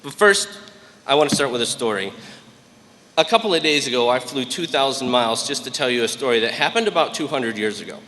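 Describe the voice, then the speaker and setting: Bright-voiced American man speaking in an echoey hall. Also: mid-range voice, expressive, brisk, slight background noise. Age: late 30s. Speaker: guest graduation speaker, military master sergeant. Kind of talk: motivational commencement speech with storytelling. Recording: echoey hall, long reverb over PA.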